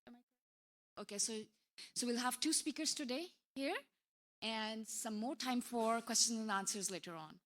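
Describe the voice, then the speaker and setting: A woman's voice: on the high side, normal speed, a bit bright. A woman from Pakistan moderating a conference session, introducing speakers in a friendly, loose way with fillers.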